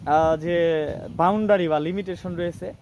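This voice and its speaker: A man with a high voice teaches English grammar. He explains patiently and step by step, slowing down to spell out each example phrase. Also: fairly even intonation, darkish tone, a little hiss or hum. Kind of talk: spoken grammar lesson.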